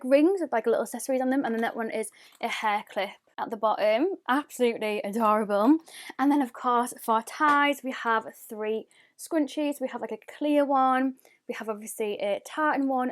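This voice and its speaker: A young woman in her twenties reviewing makeup in a bubbly, gushing way, laughing often. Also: fairly high pitch. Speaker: beauty vlogger. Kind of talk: casual product review.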